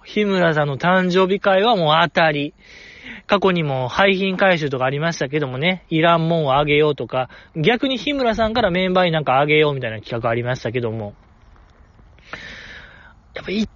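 A man's voice: on the high side, no echo, muffled recording. A young man with a Kansai accent, chatting enthusiastically as a podcast host. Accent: Kansai Japanese. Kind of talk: casual fan podcast chat.

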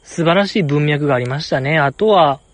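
A man's voice: on the high side, fairly quick. A young man with an Osaka accent, chatting casually and rambling on his own, playfully earnest. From Osaka, Japan. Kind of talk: casual solo chat.

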